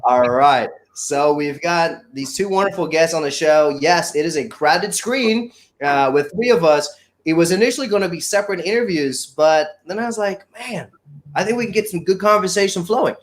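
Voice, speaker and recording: Male livestream host, slightly high voice, chatty and playful. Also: lively intonation, normal speed. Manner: upbeat, chatty, playful teasing. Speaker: show host. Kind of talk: casual livestream show hosting.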